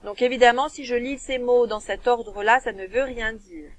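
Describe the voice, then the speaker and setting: Woman, French accent, school teacher, slow careful dictation, fairly high voice. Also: low-quality recording. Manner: slow, clear dictation, stretching words and syllables. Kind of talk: recorded dictation lesson for children.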